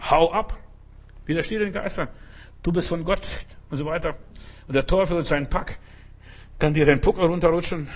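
A man preaching a sermon, telling a story and then urging listeners forcefully, often repeating himself. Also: a little high. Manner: storytelling, then forceful exhortation with bursts of emphasis; restarts and repeats words often, asks "verstehst du?".

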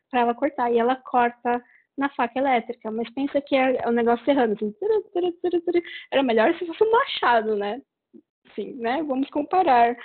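A woman with a Brazilian Portuguese accent, casually retelling a book's plot in a rambling way with many fillers. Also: a little high. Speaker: book reviewer. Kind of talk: casual book review chat. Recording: tinny phone-like sound.

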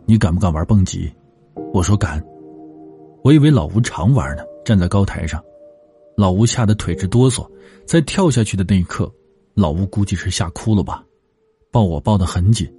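A man reading the lines of a devoted wife who helped run a restaurant, in a calm, tender tone. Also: fairly low pitch.

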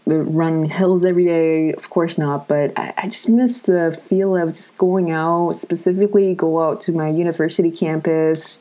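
A young woman in her twenties, coming down with a cold, hosts a show and chats casually to viewers with many fillers. She has a lowish, warm voice.

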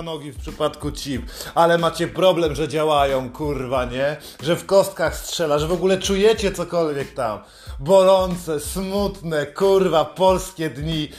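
A man delivering a sarcastic, mocking rant, swearing constantly and scolding the listener. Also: on the high side. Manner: mocking, heavily profane, scolding.

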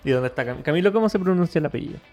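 Podcast co-host, man, slightly high voice, quick teasing asides. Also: animated, darkish tone, soft background music. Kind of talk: casual chat.

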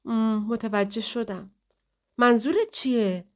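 A woman's voice: on the high side, a little mellow, natural voice. Woman reading as a curt suspicious caretaker.

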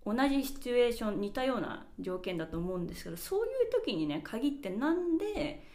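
Birds chirp as a woman runs her own podcast, reflecting casually and stepping through examples one after another. She's very animated and quick, with a fairly high pitch and a darkish tone.

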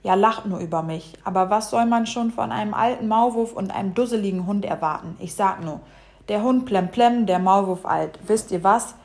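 A woman voicing a grumpy, fussy little male bumblebee in a children's storybook, gruff and scolding. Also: medium pitch, normal speed, a little mellow, lightly acted. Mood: cross. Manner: gruff, scolding, rhymes when cross. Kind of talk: storybook reading.

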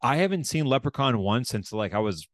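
A man's voice: mid-range voice, expressive, a little fast, dry recording, studio quality. A man hosting a podcast in casual chat, often restarting and repeating words, with loose swearing. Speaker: podcast host.

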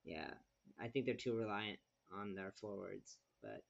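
A man's voice: on the low side, measured pace, vocal fry, dull audio. A man co-hosting a casual sports podcast who talks hesitantly and often restarts his thoughts. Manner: hesitant, lots of fillers and restarts. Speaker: podcast co-host.

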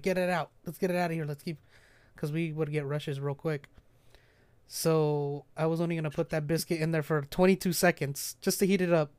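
Young male co-host, higher smooth voice, lively casual storyteller, dry close mic. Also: dry recording. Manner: animated, laughing storyteller. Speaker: podcast co-host.

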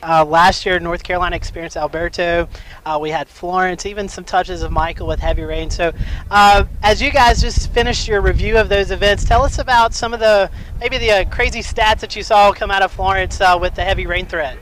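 A man reporting on weather as a show host and storm chaser, in a casual, halting way. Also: high voice, steady tone, fairly bright tone, a little hiss or hum, rough recording.

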